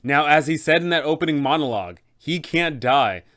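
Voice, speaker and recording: A man hosts a guide for game masters, narrating advice with enthusiasm and addressing viewers directly. His voice sits on the high side and is fairly bright, expressive and brisk.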